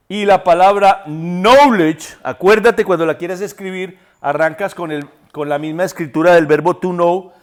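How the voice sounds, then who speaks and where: Slow, high-voiced man teaching English. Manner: repeats and spells words aloud. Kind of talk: slow spoken language lesson.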